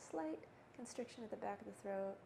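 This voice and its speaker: A woman teaching a breathing exercise in a gentle, unhurried, conversational way, with pauses. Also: medium pitch, animated. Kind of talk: guided breathing instruction, casual and conversational. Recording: clearly noisy background ambience.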